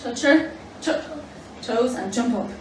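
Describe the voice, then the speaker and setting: A woman's voice: on the high side, expressive, slow pace. A woman demonstrating an exercise game for children, giving simple, encouraging instructions. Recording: roomy, distant mic with clear background noise.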